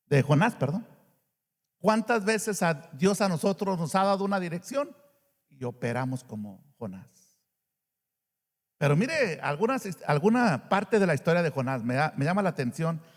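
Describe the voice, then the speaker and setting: A male pastor preaching a sermon, animated and asking the congregation rhetorical questions. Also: high voice, big-room sound.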